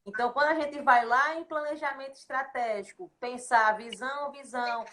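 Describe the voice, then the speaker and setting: A woman's voice: sits high, normal speed, bright, forceful tone, slight background noise. A woman, a consultant guest explaining her points in a didactic, list-like way on a podcast. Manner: didactic, lists points in repeated phrases.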